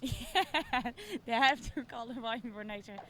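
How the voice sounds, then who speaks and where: Hesitant young woman competitor, high voice. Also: normal speed, a bit bright. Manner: hesitant, many fillers and restarts. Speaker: kiteboarding competitor. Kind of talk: post-event interview. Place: outdoor event stage at night.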